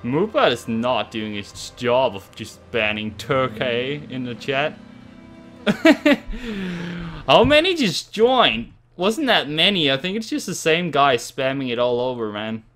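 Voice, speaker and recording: A man streaming a horror game, chatting and cursing, yelping and shouting when startled. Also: mid-range voice, animated, slow pace, soft background music. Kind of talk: gaming livestream commentary.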